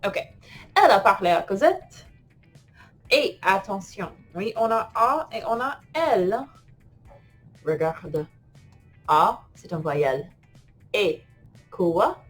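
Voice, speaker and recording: A woman's voice: mid-range voice, sing-song, slow pace, long pauses, soft background music. A woman teaching French grammar in an online lesson, playful and laughing often as she types and talks to herself.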